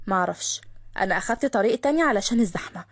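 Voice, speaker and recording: A woman voicing a cocky, teasing thirty-year-old man in an Egyptian Arabic accent, calm and smug. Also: mid-range voice, racing, no echo, voice pushed down.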